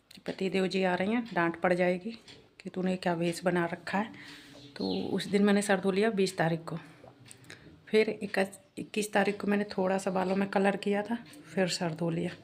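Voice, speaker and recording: A woman's voice: medium pitch, gravelly, darkish tone, slight background noise. A woman chatting casually to her viewers in a homely vlog, talking directly to the audience. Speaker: vlogger.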